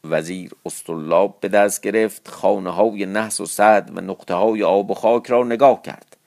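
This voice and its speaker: A man's voice: fairly low pitch, fairly even intonation, vocal fry, a little mellow. A man reading a classical storybook tale aloud, stopping to explain old terms in plain speech.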